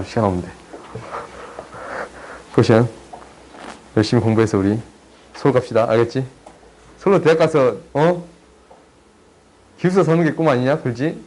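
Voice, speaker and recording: Husky-voiced man teaching math casually. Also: mid-range voice, darkish tone, rough recording. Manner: chatty, teasing, asks students for agreement. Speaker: math tutor. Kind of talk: casual online math lesson.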